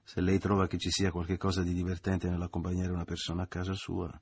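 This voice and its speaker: A man's voice: deep voice, monotone, fast, slightly rough, no room sound. Man reading a cool, dismissive older lover. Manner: dismissive, offhand.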